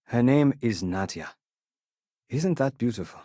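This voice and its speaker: Actor as courteous young spacefarer, lively pitch. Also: male voice, no echo, studio quality, natural voice. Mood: courteous, earnest. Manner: polite, measured, formal phrasing with few contractions. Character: courteous, kindly young spaceport trader and crewmate. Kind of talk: video game dialogue acting.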